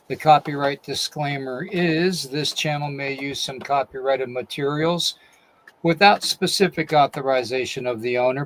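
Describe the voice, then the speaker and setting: In a rough recording, a man with a medium-pitched, fairly bright voice hosts a live-stream podcast. He reads a long disclaimer, then goes through the chat greeting viewers by name individually, mentioning that he's losing his voice.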